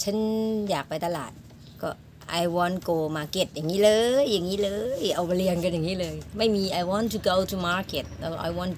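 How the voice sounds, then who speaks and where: A young woman telling the candid, self-mocking story of how she learned a language, laughing often. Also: mid-range voice. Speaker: guest telling her story. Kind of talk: personal storytelling. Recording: audible background noise.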